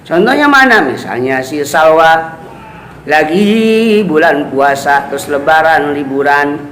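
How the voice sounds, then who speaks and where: A man's voice: a little high, expressive, unhurried, a bit bright. A man giving a casual religious lesson to students, chatty, often asking "right?" and acting out quoted voices. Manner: chatty, asks "ya kan?" often, acts out quoted voices with laughs. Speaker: Islamic teacher giving a kitab study. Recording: echoey room with faint ambient noise.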